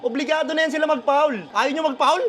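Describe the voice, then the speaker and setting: High, bright man reacting to basketball. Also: steady tone, fast. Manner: shouts, swears and laughs at plays, calls out players. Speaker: fan reacting live to a basketball game. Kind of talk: excited live game reaction.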